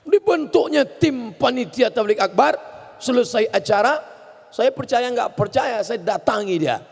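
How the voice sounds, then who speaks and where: A man in his forties preaching a lively, humorous sermon, acting out quotes in the story and shouting at its peaks. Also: very high-pitched, unhurried, vocal fry, breathy edge. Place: large hall. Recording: hall reverb.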